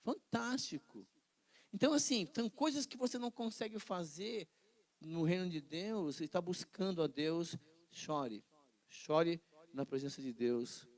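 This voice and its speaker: A middle-aged man with a Brazilian Portuguese accent teaching an informal Bible class, telling the stories with lively acted-out voices and often checking in with his listeners. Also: on the high side, unhurried. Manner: animated storytelling, acts out quoted voices, asks listeners "né?".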